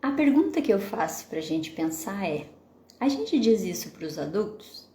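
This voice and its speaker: A woman therapist with a Brazilian Portuguese accent, hosting a live stream. She explains calmly and keeps checking in with the viewers with questions. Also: medium pitch, a little slow, echoey room. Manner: explanatory, asks the audience questions, frequent "né?".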